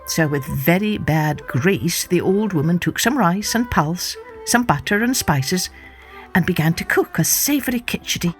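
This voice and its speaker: A woman narrating a folktale for children in an expressive, measured way. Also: fairly low pitch, faint music behind. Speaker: storyteller.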